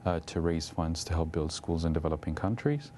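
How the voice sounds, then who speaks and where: A man's voice: low-pitched, brisk, mellow, a little hiss or hum. A young man from Eritrea, raised in Ethiopia, answering as a guest in a TV interview and talking hesitantly with many fillers.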